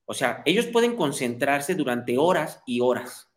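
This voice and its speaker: A man's voice: medium pitch, big pitch swings, moderate pace. A man, a psychologist guest explaining ideas in an interview and often checking that the listener follows. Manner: didactic, asks "¿sí?" for agreement, acts out quoted people.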